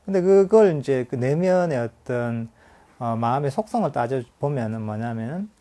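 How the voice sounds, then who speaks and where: A man's voice: mid-range voice, expressive, moderate pace, warm tone. A male Buddhist monk giving a conversational meditation lecture, full of fillers and restarts. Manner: conversational teaching with acted inner-voice quotes and light laughter.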